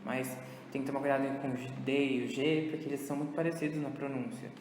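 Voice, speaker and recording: A man teaching an English lesson with a Brazilian Portuguese accent, slow and patient as he moves between Portuguese and English. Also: medium pitch, steady tone, background noise. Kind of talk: recorded online lesson. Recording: echoey room with long reverb.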